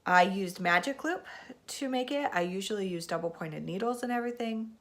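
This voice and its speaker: A mid-range, slightly bright voice moves fairly quickly as a woman in her thirties hosts her casual knitting podcast. She sits in a spinning chair at home, captured by a camera mic, congested from a cold and rambling with plenty of ums.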